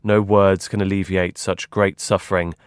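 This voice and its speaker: A man working as a live interpreter, voicing a formal speech in a measured, solemn delivery. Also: low-pitched, flat delivery, smooth, dry recording, studio quality. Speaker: simultaneous interpreter.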